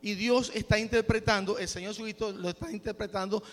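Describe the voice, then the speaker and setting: A man's voice: high-pitched, steady tone, fast talker, big-room sound. A man preaching a sermon to his congregation, often breaking in with praise to God and stumbling over words as he explains. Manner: restarts and stumbles while exhorting; frequent praise interjections. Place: church.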